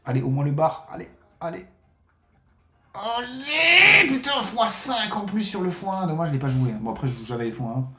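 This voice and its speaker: A man's voice: mid-range voice, very fast, echoey room, soft background music. A man streaming a live casino game, commenting on his bets with frequent swearing and talking to viewers as friends. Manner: excitable, swears often, addresses viewers as friends.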